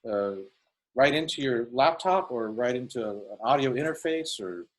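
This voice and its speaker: A man talks casually in a group video chat. His voice is husky and rough-edged, at a middle pitch, in an informal conversational style. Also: expressive, moderate pace, poor audio. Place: indoors on a computer video call.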